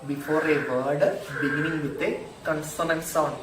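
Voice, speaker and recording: A male school teacher, slowly explaining grammar in an online lesson and repeating examples. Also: fairly high pitch, steady tone. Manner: slow, repetitive, drills examples aloud. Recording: echoey room, distant mic, noisy.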